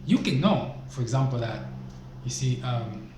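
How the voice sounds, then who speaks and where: Speaking into a desk mic, a man from Zambia shares business tips in a relaxed, motivational vlog, leaning on emphasis and rhetorical questions. His mid-range voice is expressive and measured in pace, and the room sounds echoey with faint background noise.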